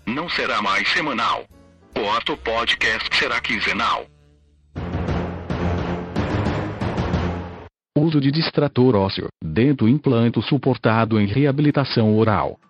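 A synthetic text-to-speech man's voice with a Brazilian accent, reading a scripted podcast narration in a mechanical, measured way. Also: mid-range voice, bright, forceful tone. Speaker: podcast host.

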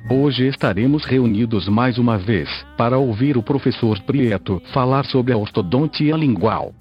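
A man's voice: medium pitch, muffled recording, faint music behind. Synthesized male voice reading an article. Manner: even, measured text-to-speech delivery. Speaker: podcast host. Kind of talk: reading a scientific article aloud.

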